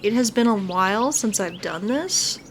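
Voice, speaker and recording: Expressive and medium-pitched, she talks at a normal speed over slight background noise. Her let's-play commentary is chatty and relaxed; she thinks out loud while playing and voices the game dialogue, with music in the background.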